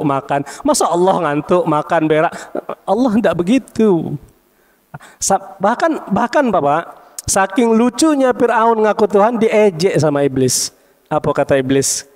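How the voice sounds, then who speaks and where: Male preacher, fairly high voice, lively storytelling sermon. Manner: lively storytelling, mimics characters, jokes with the congregation. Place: mosque.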